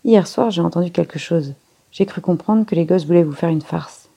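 A woman voicing an alarmed woman of the house, out of breath and firing off rushed questions. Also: lowish voice, vocal fry, mellow, husky.

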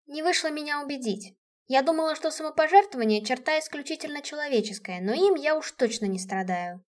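A woman's voice: high-pitched, expressive, fairly quick, voice pushed up. A woman voicing a young heroine who speaks to her beloved in a tender, pleading way. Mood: playful.

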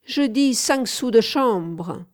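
A woman's voice: sits high, steady tone, a little slow, pitched above the performer's own voice. A woman voicing a grumbling, sarcastic male cab driver in an audiobook reading. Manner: gruff, sarcastic.

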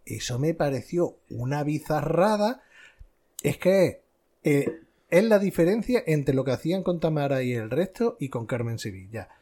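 Chatty man, animated. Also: on the high side, moderate pace. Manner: animated anecdote-telling. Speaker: podcast co-host. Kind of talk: casual chat.

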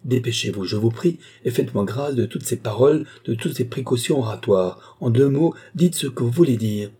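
A man's voice: mid-range voice, lively intonation, moderate pace, dark tone, breathy edge. A man voicing an impatient, irritable marquis who speaks curtly in an audiobook. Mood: irritated. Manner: curt, exclamatory. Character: adult male marquis, impatient, irritable nobleman.

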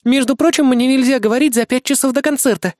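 A man's voice: very high-pitched, fast, no echo, clean studio sound, voice pushed up. A male audiobook reader voicing a fussy young noblewoman who scolds and fusses. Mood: scolding. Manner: scolding, fussing. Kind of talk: audiobook character voice.

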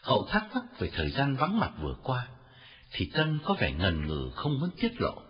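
A man narrating a story with a very expressive, varied delivery. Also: mid-range voice, moderate pace. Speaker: audiobook narrator. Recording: dull lo-fi audio with faint music.

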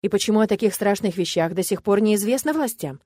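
A woman's voice: medium pitch, expressive, quick pace, dark tone, husky, dry recording, studio quality. A woman voicing a curious, stubborn young woman student in an audiobook, her voice lifting on questions. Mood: curious, indignant.

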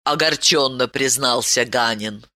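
Slow expressive woman narrator. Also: a bass voice. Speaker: audiobook narrator.

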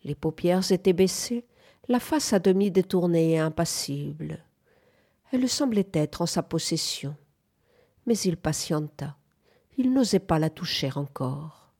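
A woman narrating a literary novel as an audiobook in a measured, even storytelling manner. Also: lowish voice.

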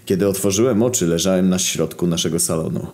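A man reading a crude comic story aloud in a deadpan, profane narrating manner. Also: sits low, fast talker.

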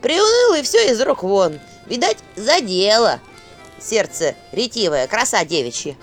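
A woman voicing a brash, lively village matchmaker aunt who praises loudly in a drawn-out, sing-song way. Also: mid-range voice, soft background music, voice pushed up. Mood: boastful.

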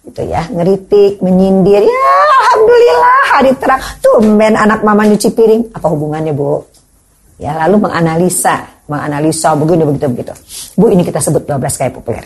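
A woman's voice: lowish voice, a little mellow. An older woman giving a parenting seminar, questioning her audience and acting out scolding parents. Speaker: parenting speaker.

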